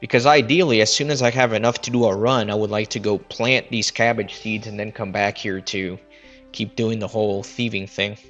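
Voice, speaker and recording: A man's voice: lowish voice, fairly even intonation, a little fast, fairly bright tone, soft background music. A man streaming a game, chatting casually and thinking aloud, his voice muffled as if talking into a cup through a cheap headset mic. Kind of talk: casual live commentary while playing.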